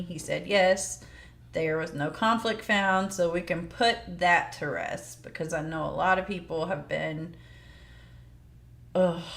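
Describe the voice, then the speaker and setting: Woman, lowish pitch, very slow pace, plain-spoken, explanatory, informal court news commentary. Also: a bit bright. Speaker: host of a true crime case commentary show.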